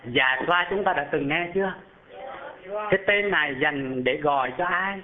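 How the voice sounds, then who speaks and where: A man delivers a storytelling sermon in a slightly high voice, quizzing his listeners as he goes and climbing sharply in pitch for emphasis. The recording sounds thin and phone-like. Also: moderate pace, a crowd in the background. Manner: animated, asks the audience questions, rises high when describing. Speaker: Buddhist preacher telling a story. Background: live audience.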